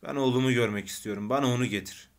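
A man voicing a dying, irritable man with tuberculosis who grumbles bitterly and bursts into shouting. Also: medium pitch, very fast, natural voice. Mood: grumbling.

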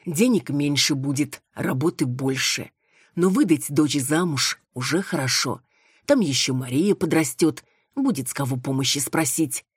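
A woman with a low, slightly husky voice narrates a novel for an audiobook. She reads the narration plainly and pushes the characters' lines higher and louder. The recording is close and dry. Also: normal speed, dry recording. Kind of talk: audiobook narration with acted dialogue.

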